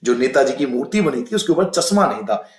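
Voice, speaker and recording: A man's voice: medium pitch, lively intonation, echoey room, low-quality recording. A male teacher working through a school exam paper, explaining answers and repeating the key points. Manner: explains patiently, repeats key points, reads passages aloud slowly. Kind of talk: exam-prep lesson.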